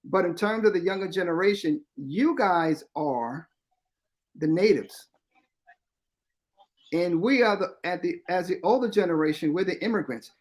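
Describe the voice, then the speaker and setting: A man's voice: sits high, moderate pace, long pauses. A man in his fifties, a guest on a radio talk show, explaining his views earnestly and repeating key points for emphasis. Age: 50s.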